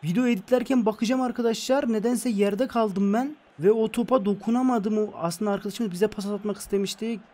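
A young man commentating on his football video game, recorded at home late at night and keeping his voice down. He is excitable, swinging from yelling at plays to glum muttering. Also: high-pitched, a little fast, hardly any pauses. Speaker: gaming YouTuber.

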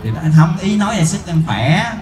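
A man's voice: high-pitched, big pitch swings, crowd noise. A man bantering in a live comedy skit and briefly narrating its point. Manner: bantering, quick, teasing.

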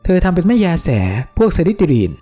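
A man reading a novel aloud as an audiobook narrator, with expressive, animated narration. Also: fast talker, soft background music. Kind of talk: storybook reading.

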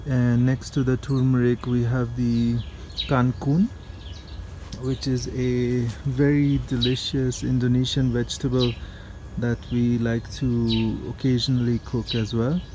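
Man narrating a walk through his garden outdoors, level and mellow, hesitant ums, soft bird ambience behind. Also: medium pitch, measured pace, a little hiss or hum. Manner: relaxed, explanatory, with frequent um and uh. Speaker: home gardener giving a garden tour. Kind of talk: casual narrated garden tour.

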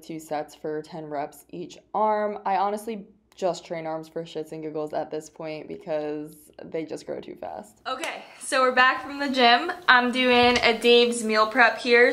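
A young woman vlogger talks casually to her phone camera, chatty, full of fillers and with the odd swear word, first at the gym and then at home. Her voice is medium-pitched with a sharp tone.

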